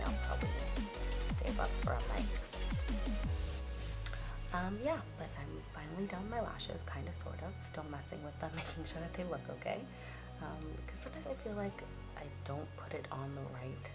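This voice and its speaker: A woman beauty vlogger talks casually through a makeup tutorial in a chatty, self-deprecating, apologetic way, her voice slightly muffled by a basic mic. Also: low voice. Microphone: basic mic, not a good one. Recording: muffled cheap mic, loud music behind. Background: loud music.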